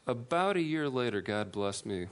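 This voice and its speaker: A man giving a personal testimony to an audience, earnest and self-deprecating, with halting restarts. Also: mid-range voice, very animated. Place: room with an audience.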